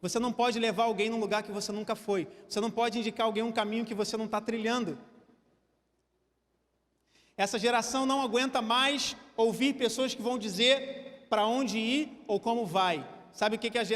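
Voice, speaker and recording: A man with a Brazilian Portuguese accent preaching a sermon to a church congregation, animated and drawing listeners into a staged demonstration. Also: high-pitched, fairly quick. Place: church hall. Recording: church hall with long reverb.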